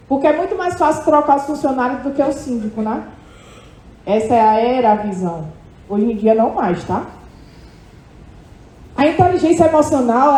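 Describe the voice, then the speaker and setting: A woman psychologist giving an animated seminar talk to an audience, often checking in with quick tag questions. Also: high-pitched. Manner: animated, lively, questioning "tá?" tags. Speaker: psychologist speaking at a condo managers' event. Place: hotel event hall with audience. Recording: echoey hall.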